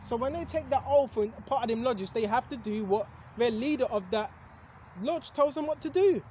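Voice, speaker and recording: Man, very high voice, rambling street preacher, rhetorical questions, faint traffic behind. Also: moderate pace, dark tone. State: has hiccups. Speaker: religious video host. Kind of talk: casual preaching monologue.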